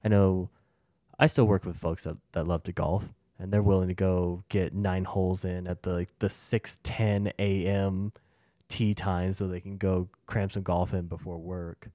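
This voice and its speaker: Deep, mellow-voiced young man. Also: unhurried, no echo, studio quality. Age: young adult. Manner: relaxed, rambling, with many restarts. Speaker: podcast co-host. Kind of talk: casual chat.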